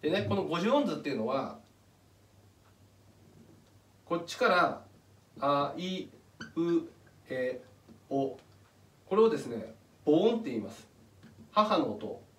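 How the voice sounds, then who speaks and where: Guy walking through a chart in a casual explainer, voice a bit high and bouncy, sounds off-mic. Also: very animated, slow pace, pauses often. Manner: explains step by step while pointing at a chart. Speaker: channel host. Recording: echoey room, mic at a distance.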